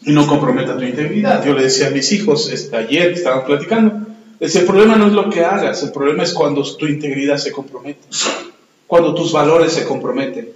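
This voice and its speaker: A pastor preaching a sermon and telling stories, often putting questions to the congregation. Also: male voice, on the high side, fast, highs cut off. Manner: storytelling, asks the congregation questions. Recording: echoey hall, long reverb.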